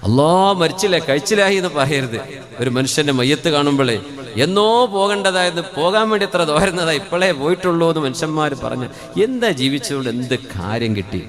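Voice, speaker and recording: Melodic preacher, slightly high voice. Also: male voice, expressive, fast talker. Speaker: Islamic preacher. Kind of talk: Malayalam religious sermon. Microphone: microphone.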